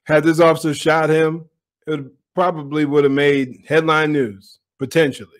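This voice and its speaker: A man's voice: fairly high pitch, steady tone, moderate pace. A man giving opinionated commentary on a police video, speaking bluntly and directly to his viewers.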